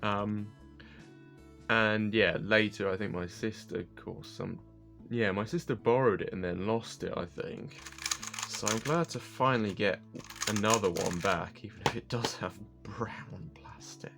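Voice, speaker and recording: A man's voice: lowish voice, a little slow, creaky. A man casually reviewing puzzle cubes, rambling and correcting himself as he thinks aloud over background music. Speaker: cube reviewer.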